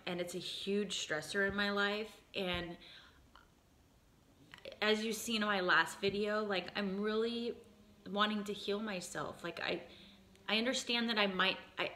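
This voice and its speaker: A woman's voice: medium pitch, a bit bright, slight background noise. A woman in her late thirties talking candidly in a casual personal vlog, rambling with lots of fillers and restarts. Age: 30s. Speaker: vlogger.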